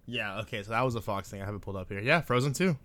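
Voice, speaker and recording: Young man, lowish clear voice, casual film podcast, slangy, dry sound. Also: very fast, fairly bright tone, no echo. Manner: informal, swearing, slangy. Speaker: podcast co-host.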